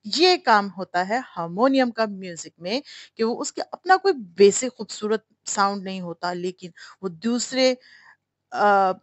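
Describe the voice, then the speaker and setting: A woman from Pakistan teaching an English lesson in a chatty, digressive way, slowly sounding out letters between asides. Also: medium pitch, lively intonation, no echo. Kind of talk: casual Urdu-English language lesson.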